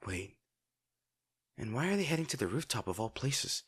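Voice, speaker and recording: A young man voices a brash teenage bully who is abrasive yet secretly caring, in the style of an intimate audio drama. His husky voice is very animated, a bit bright and exaggerated, with wide pitch swings. He mutters irritably, speaking gruffly and directly to the listener, swearing, sighing, and faltering when upset.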